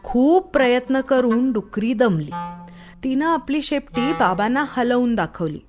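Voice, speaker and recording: Woman, storyteller, children's story, slow, expressive, faint background music. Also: fairly high pitch.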